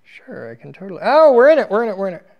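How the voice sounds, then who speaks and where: A man hosts an equipment teardown video series, working with his hands and talking casually, muttering to himself while working and turning animated when he addresses viewers. His voice is high-pitched and racing, and the recording is muffled, with clear background noise and handling clicks.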